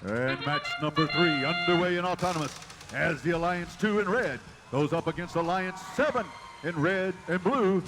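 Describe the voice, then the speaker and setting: A man giving live play-by-play commentary at a robotics competition, energetic and building to shouts at the close. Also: a little high, noisy background. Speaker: match announcer.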